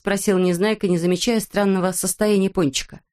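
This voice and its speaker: A woman narrating a children's storybook in an even storytelling manner. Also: medium pitch, fairly quick. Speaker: audiobook narrator.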